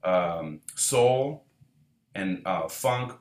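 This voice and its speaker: This Israeli man who leads a band has a low voice and speaks very slowly in a roomy-sounding space. It's a long, casual interview in which he rambles comfortably, often restarting and leaning on fillers.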